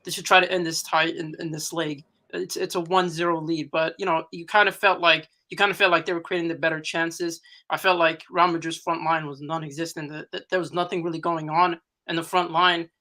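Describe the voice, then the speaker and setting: A man's voice: on the high side, little pitch movement, brisk, hardly any pauses, pushed and bright. A man giving casual post-match football analysis as a pundit, slangy and repeating himself for emphasis.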